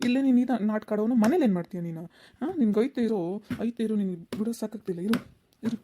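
A woman's voice: on the high side, fast, mellow, a little hiss or hum, natural voice. A woman voicing a stern male police officer who scolds and threatens people in a cartoon. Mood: scolding. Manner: scolding, bossy.

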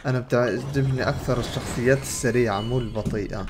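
Speaking rapid-fire with fairly even intonation, a young man with a Levantine Arabic accent streams a game, casually commenting and passing along its dialogue. His voice is mid-range, and video game sounds, noise and music fill the background.

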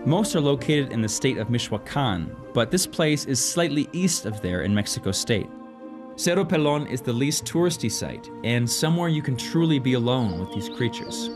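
A man reads scripted documentary narration in a steady, informative way, his voice in a middle register. A loud music bed runs under the voice-over throughout. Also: mid-range voice. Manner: measured, informative.

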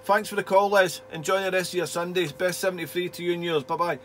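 Male radio operator, friendly and chatty with radio procedure talk, slightly high pitch, light static hum. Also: fairly even intonation, fast. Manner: friendly, chatty, uses call signs and radio jargon. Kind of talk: casual two-way radio contact chat. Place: indoor home radio shack.

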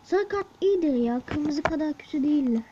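A woman commenting excitedly on a football video game, talking to her viewers and chanting to cheer on the players. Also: high voice, normal speed. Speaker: gaming video host. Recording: muffled with loud background noise.

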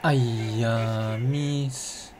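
A man's voice: medium pitch, fairly even intonation, extremely slow, darkish tone, slight background noise. Singaporean-accented young man, casual gaming vlogger. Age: 20s. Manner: exclamatory, talking to himself with colloquial particles. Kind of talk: casual self-narrated gaming vlog in Singlish. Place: small bedroom, indoors.

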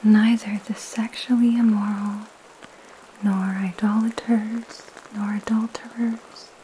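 A young woman giving a soothing, soft, breathy ASMR whisper, gentle and calming, with pauses between phrases. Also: mid-range voice, slight background noise, poor audio. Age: young adult. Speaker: ASMR host reading scripture and praying. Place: small indoor room at home. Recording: steady rain sound behind the voice. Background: rain.

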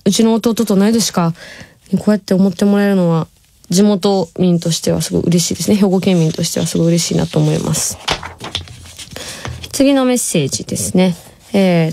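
A Kansai-accented radio host in her twenties from Nishinomiya, Hyogo, Japan, chats casually and reads listener messages in a radio studio. She's chatty, drawls some words, and laughs often. Her medium-pitched voice is a little mellow, with clean studio sound and no room sound.

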